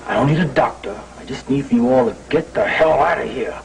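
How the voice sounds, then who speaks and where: A man's voice: on the low side, brisk, darkish tone, lightly acted. Guy acting as a hurt football player, curt and defensive, old tv soap audio with faint hiss. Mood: defiant. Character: injured proud football player, bitter. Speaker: actor in a soap opera.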